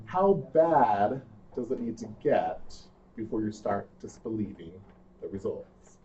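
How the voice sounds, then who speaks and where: A man's voice: on the low side, very animated, measured pace, dark tone, a little hiss or hum. Playful man quizzing a seminar, distant. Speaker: seminar presenter. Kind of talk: interactive classroom lecture. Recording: distant muffled room recording.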